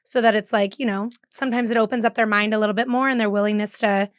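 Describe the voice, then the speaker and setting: A woman's voice: medium pitch, fairly even intonation, fast, no room sound, clean studio sound. A woman guest, a mother, chatting casually and agreeably about her daughter. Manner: agreeable, frequent affirmations and laughs. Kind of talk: casual chat.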